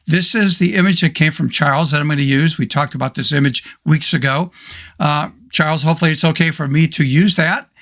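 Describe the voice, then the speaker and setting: Hoarse, gravelly man teaching software. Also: a little high, a little fast. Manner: casual, step-by-step with fillers. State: hoarse, losing his voice. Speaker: photo editing tutor. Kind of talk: screen-recorded software tutorial.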